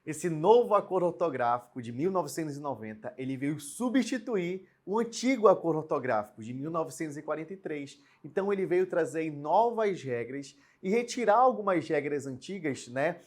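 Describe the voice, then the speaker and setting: A young man with a fairly high voice teaches a recorded grammar lesson. He explains with lively, varied emphasis and keeps asking the viewer questions, often tagging lines with a quick "né?". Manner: lively, explanatory, with frequent rhetorical questions and tag "né?".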